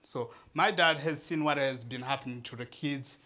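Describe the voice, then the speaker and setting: A man's voice: mid-range voice, normal speed, bright, forceful tone. A man, giving an earnest speech to a live audience, laughing often and restarting his phrases. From Eastern Democratic Republic of Congo. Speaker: founder of a charity speaking at an event.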